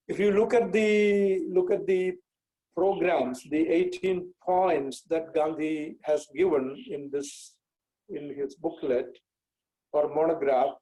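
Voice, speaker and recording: A man in his sixties with a Malayalam Indian English accent from Kerala, explaining in a measured, deliberate way as a lecturer on a video call. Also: fairly high pitch, mellow, poor audio. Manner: measured, deliberate, with repeated phrases for clarity. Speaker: guest speaker giving a lecture. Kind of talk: explanatory online talk. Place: indoor room with bookcase, on a video call.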